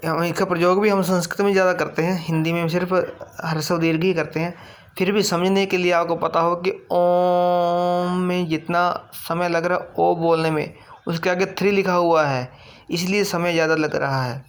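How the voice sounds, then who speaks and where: A man teaching a grammar lesson, explaining slowly and deliberately, repeating each point and drawing out sounds as examples. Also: high voice, fairly even intonation.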